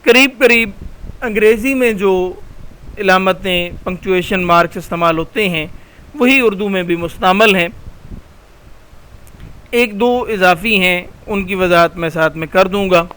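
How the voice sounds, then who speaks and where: High-voiced male teacher with Pakistani Urdu accent. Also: measured pace, pushed and bright, smooth. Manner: patient, explanatory, repeats key terms. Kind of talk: recorded slide lecture.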